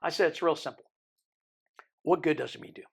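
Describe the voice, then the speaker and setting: This interview guest, a man in his sixties from the Isle of Man, talks fairly quickly in a slightly high, somewhat rough voice with vocal fry. Years in America have tinged his Birmingham accent as he tells his life story, wandering off into joking, self-mocking tangents.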